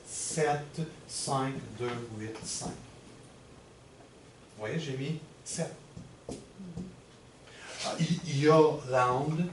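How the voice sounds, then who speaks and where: Middle-aged workshop presenter, patient and explanatory, recorded from afar in an echoey room with background noise. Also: male voice, medium pitch. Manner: explanatory, checks in often with the audience. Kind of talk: teaching a workshop. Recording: roomy and distant with background noise.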